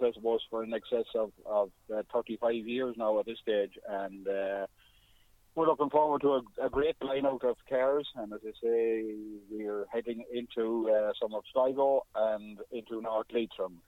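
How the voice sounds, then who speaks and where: Over a narrow phone line, an Irish man with a lowish voice gives a radio interview as a club press officer. He explains things politely and haltingly, with no room sound. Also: no echo. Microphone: telephone.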